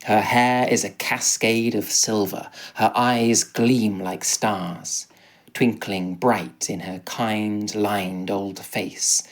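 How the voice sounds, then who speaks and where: A man narrating a rhyming storybook tale in a slow, measured way. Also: on the low side, steady tone, low-quality recording.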